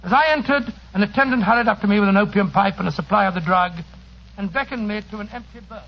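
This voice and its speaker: A man's voice: high-pitched, fast, creaky. A man playing a genial older English doctor who tells of his past adventures in an avuncular, fussy manner, in 1940s radio drama style. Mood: genial, reminiscing. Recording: dull old radio broadcast.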